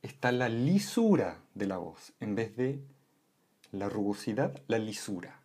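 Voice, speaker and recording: A man explaining voice and communication in a calm lesson, often checking in with short "¿m?" and "¿ya?" tags. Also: fairly low pitch, a little slow, breathy edge. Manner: calm, with frequent "¿m?" and "¿ya?" check-ins. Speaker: voice and communication instructor.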